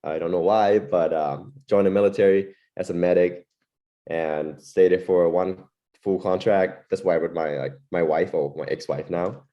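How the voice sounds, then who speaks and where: A young Thai wedding photographer chats casually as a guest in an interview, loose and laid-back with lots of fillers. His voice sits low with fairly even intonation at a normal speed, and the sound is lo-fi.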